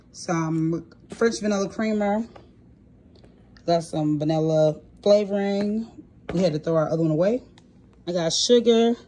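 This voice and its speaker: A woman's voice: on the low side, background noise. A young woman chatting casually while she shows off her groceries, filmed on a phone at home. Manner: relaxed, chatty listing of items with fillers. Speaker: vlogger showing a grocery haul. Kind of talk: casual chat. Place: indoors at home, off camera. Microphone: phone camera held while filming items.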